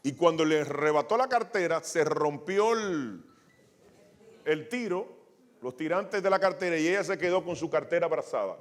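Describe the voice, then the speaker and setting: A man's voice: fairly high pitch, lively intonation, moderate pace. A male pastor preaching a sermon, telling a testimony with many restarts and acting out the quoted lines.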